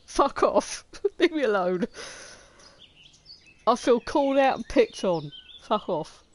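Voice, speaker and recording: A woman's voice: fairly high pitch, big pitch swings, slow pace. A woman streaming a game from home, making self-mocking jokes, swearing freely and laughing often. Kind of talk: casual live gaming commentary.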